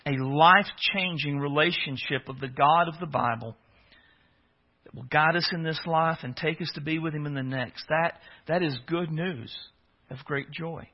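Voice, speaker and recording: A man's voice: fairly high pitch, slightly rough. Earnest preaching man, dull lo-fi audio. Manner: earnest preaching with emphatic stresses and small restarts. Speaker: pastor. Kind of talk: sermon.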